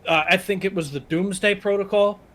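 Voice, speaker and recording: Another co-host on the reaction show, this man speaks a little fast in a high, slightly bright voice with fairly even intonation. Watching videos with the group, he keeps the commentary casual and curses freely.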